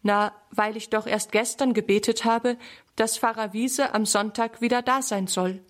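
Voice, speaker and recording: A woman's voice: fairly high pitch, fairly even intonation, normal speed, natural voice. A woman voicing an earnest little girl in a read-aloud children's storybook, speaking in a matter-of-fact way.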